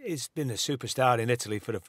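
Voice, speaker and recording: A man co-hosting a podcast, chatting quickly with wry asides. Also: medium pitch, a bit bright, dry recording. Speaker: podcast co-host. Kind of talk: casual chat.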